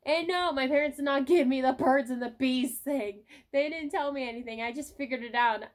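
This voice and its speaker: A woman's voice: sits high, fairly quick. A young woman vlogging to camera on her phone, chatting in a rambling, casual way with the odd swear word. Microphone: cell phone.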